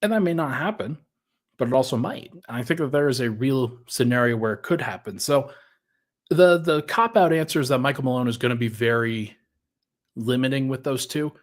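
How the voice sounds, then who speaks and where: A man's voice: mid-range voice, animated, fairly quick. A man hosting a casual sports podcast, thinking aloud in a conversational way and sounding a little out of breath. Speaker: podcast host.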